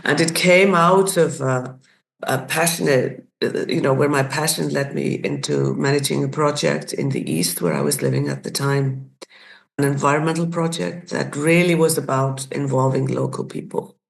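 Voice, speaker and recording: Her voice is very deep and gravelly, moving at a normal speed. She is a woman in her sixties from Iceland who works as a community facilitator, thoughtfully recounting her life on a podcast while restarting and hunting for the right words.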